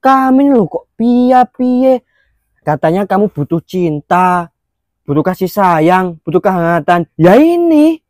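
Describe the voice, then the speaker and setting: A man's voice: sits high, big pitch swings, measured pace, a little mellow, dry recording. A man playing a brash, bossy young man who hurries everyone along in a comedy skit. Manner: bossy, hurrying others along.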